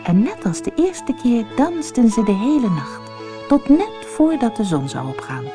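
A woman narrating a fairy tale for an audiobook in a slow, expressive storytelling manner. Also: a little high, music in the background.

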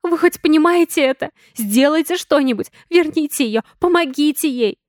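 A frantic young woman on the edge of tears, as a female audiobook reader puts her on, crying out in high, strained shouts. Her voice climbs well above the reader's own. The reading is close and dry, with no room sound. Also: a little slow, no room sound. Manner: shrill, pleading shouts. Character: frantic young woman, tearful, desperate friend.

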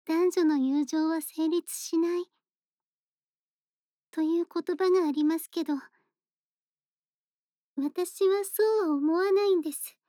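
A woman voices a shy, bookish young woman in a bedtime audio drama. Her voice is very high and mellow, recorded close and dry. She speaks politely and earnestly, measuring out each thought with gentle hesitation. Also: fairly even intonation, slow, pauses often, no echo. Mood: earnest, reflective. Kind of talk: soft bedtime voice-acted role-play, intimate monologue.

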